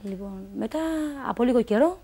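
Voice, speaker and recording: A woman's voice: medium pitch, expressive, dark tone. A woman telling a personal story on a talk show, rambling along, quoting what others told her and filling gaps with stock phrases.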